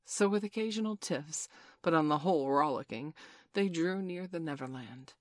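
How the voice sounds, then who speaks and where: A woman's voice: deep voice, lively intonation, normal speed, no echo. Woman reading a storybook, dry sound. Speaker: audiobook narrator. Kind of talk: storybook narration.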